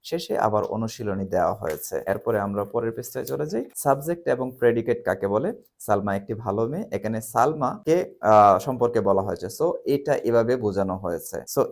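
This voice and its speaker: Man, Bengali native, casual sales walkthrough, lively swooping pitch, chatty. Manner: chatty, keeps asking "right?" with a rising lift. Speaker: seller presenting children's English books.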